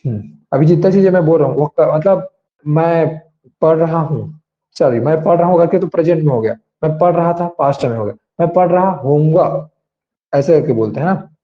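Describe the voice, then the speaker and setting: A man teaching grammar in an online class, explaining slowly and asking students to raise their hands. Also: a little high. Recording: dull lo-fi sound.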